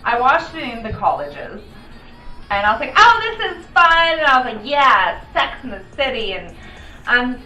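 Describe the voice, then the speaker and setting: A woman's voice: a little high, animated, normal speed, bright, forceful tone. An American woman chatting casually as a tipsy review host, rambling and opinionated, with theatrical exclamations and swearing. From Baltimore area, United States. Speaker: drunk review show host. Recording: echoey room, distant mic, background music.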